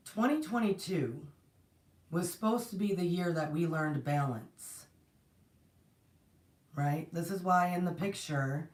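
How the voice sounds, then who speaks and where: A woman's low voice, strained and partly lost, carries a casual spiritual livestream where she rambles, restarts frequently, and warmly welcomes viewers. She hosts the spiritual platform. Heard from far away through a distant mic without proper setup, the room echoes.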